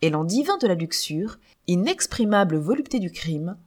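Audiobook narrator: woman, husky, expressive literary reading with animated pitch. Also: moderate pace. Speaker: audiobook reader.

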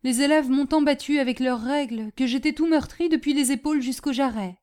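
A woman's voice: high-pitched, a little fast, a little mellow, voice pushed up, close to an everyday voice. A woman voicing a pale, bullied young schoolboy who speaks plaintively.

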